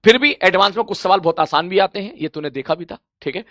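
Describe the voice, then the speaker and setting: A man's voice: sits high, fast talker, a bit bright, no room sound, studio quality. A male physics teacher giving a live online coaching lecture. He talks straight to his students, keeps checking "okay?", and scolds them playfully.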